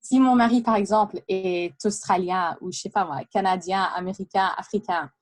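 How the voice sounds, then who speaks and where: A woman giving a prepared talk, lively and chatty, with many asides and hesitations. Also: mid-range voice, normal speed. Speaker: speaker giving a practice talk. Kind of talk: prepared speech for interpreting practice.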